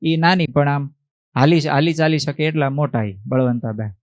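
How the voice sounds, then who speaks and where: A man, a monk telling a devotional story in an animated way, acting out voices and asking the listeners questions. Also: fairly high pitch, moderate pace, no echo, dull audio. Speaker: monk giving a religious discourse.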